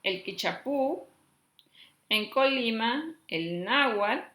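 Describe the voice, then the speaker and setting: Woman teacher from Chiapas, Mexico, slow deliberate pace, bright tone, echoey room. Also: fairly high pitch, animated. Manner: reads lists slowly, checks in with "¿sí?". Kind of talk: classroom lesson.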